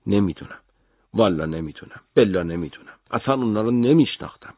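A man's voice: lowish voice, animated, dry recording, phone-quality sound. A man voicing a frightened young male detainee who pleads and stammers out denials. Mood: pleading.

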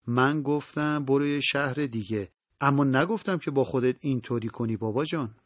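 A man's voice: mid-range voice, no echo, clean studio sound, lightly acted. A man voicing a middle-aged father who talks to his daughter in an affectionate, pleading way, in an audiobook reading. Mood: fatherly. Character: middle-aged father, gentle but worried.

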